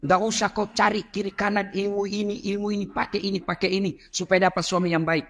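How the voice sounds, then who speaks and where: A man's voice: high-pitched, level tone, fast, fairly bright tone. A middle-aged man with an Indonesian accent giving a humorous sermon in a mosque, joking with the audience. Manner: jokey, acts out quoted voices, addresses audience directly. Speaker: preacher.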